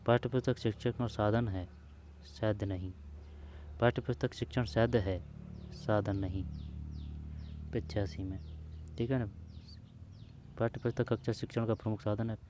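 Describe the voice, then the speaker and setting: Guy with a low warm voice running through exam questions, chatty, keeps repeating the options. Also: steady tone, normal speed, pauses often, a little hiss or hum. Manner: informal, addresses listener as यार and भाई, repeats options while checking answers. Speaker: exam prep teacher. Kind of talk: solving old exam questions aloud.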